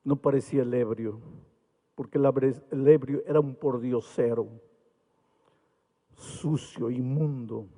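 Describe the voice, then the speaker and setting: A man from Peru, a pastor, preaching an evangelistic sermon with impassioned rises and quiet storytelling. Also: medium pitch, fairly even intonation, measured pace, pauses often. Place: large arena. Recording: long hall reverb.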